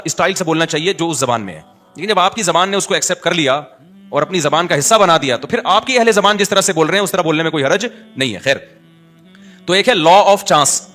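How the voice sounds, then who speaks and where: A male preacher talks to his listeners in a loose, conversational way, slipping in jokes and stretching out recited Arabic verses. His voice sits a little high for a man. Soft music plays faintly under the talk. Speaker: Islamic scholar giving a talk. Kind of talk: religious talk.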